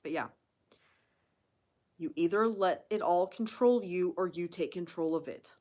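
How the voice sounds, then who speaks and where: A woman's voice: lowish voice, unhurried, mellow. A woman hosting a casual live question-and-answer chat, speaking bluntly and emphatically with frequent swearing. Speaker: channel host.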